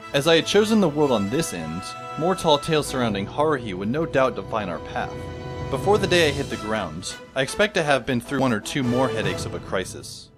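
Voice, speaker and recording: In a fan audio drama, a man narrates as a wry, sarcastic teenage boy with a dry, sardonic manner, with music underneath. His voice is medium-pitched and lightly acted.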